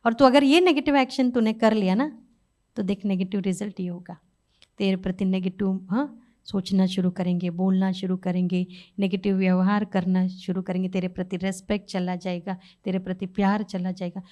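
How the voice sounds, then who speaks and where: Middle-aged woman, spiritual speaker, mellow tone, chatty sermon with rhetorical questions. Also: medium pitch, fairly even intonation, normal speed. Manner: conversational, rhetorical questions, soft acted inner dialogue. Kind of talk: spiritual talk.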